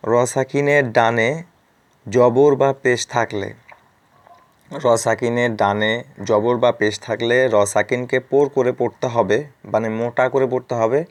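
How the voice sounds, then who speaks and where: A man teaching a recitation lesson, explaining each rule twice and spelling out letters slowly before repeating each word. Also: medium pitch.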